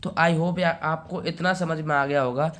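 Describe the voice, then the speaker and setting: A man lectures on biology in a fairly high voice. He works through each point with rhetorical questions and repeats the technical terms slowly so they sink in. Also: steady tone, a bit bright. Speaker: biology teacher. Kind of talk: classroom lecture.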